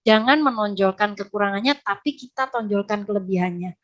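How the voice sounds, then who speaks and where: A woman giving a lively talk to parents in a webinar, often acting out how children and parents speak. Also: mid-range voice, brisk. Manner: lively, acts out child and parent voices in quotes. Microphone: close mic, online webinar.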